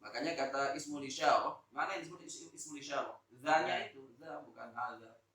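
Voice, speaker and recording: A man from Lombok giving a Quran exegesis lecture to teachers, shifting between loud emphasis and soft asides, and drawing out Arabic words slowly. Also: mid-range voice. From Lombok, Indonesia. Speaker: Islamic teacher. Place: school hall, indoors. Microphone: phone camera recording. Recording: echoey room, distant phone mic.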